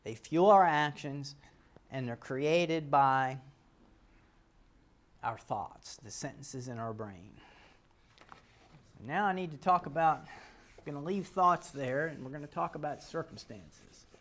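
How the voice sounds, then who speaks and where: A man gives a calm, explanatory talk on a self-help model. He works through his ideas step by step and often restarts a sentence mid-thought. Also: a little high, slow pace, pauses often. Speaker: teacher.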